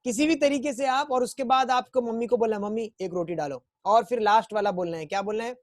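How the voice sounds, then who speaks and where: A man's voice: extremely high pitch, dry recording. Man teaching an online class, dry sound. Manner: repetitive, coaxing, chants memory rhymes slowly. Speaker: school chemistry teacher.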